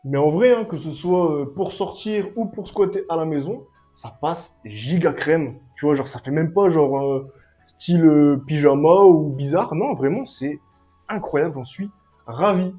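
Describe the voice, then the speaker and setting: A young man giving a casual, excitable clothing review at home, full of slang and hype. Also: a little high, unhurried, soft background music. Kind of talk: casual product review vlog. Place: at home, sitting and standing up to show clothes.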